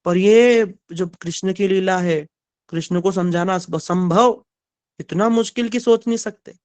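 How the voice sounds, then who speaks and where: High, clear-voiced male storyteller. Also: unhurried, no echo. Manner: animated storytelling, asks the audience. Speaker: spiritual storyteller. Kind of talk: devotional story sermon.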